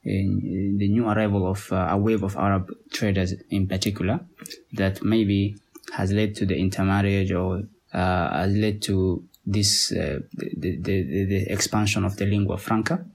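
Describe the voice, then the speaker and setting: Husky, low-voiced man with a Somali accent. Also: fairly even intonation. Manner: halting, many pauses and repeated words. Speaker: podcast guest. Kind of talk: conversational interview.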